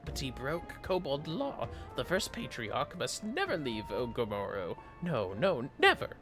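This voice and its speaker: A man's voice: mid-range voice, wildly swooping pitch, unhurried, over music, pitched above the performer's own voice. A man voicing a fussy, proud kobold mage in a fantasy game, who keeps repeating words as strings of synonyms. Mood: proud, emphatic. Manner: compulsively repeats synonyms in threes. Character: fussy, excitable male kobold mage, proud of his ancestry.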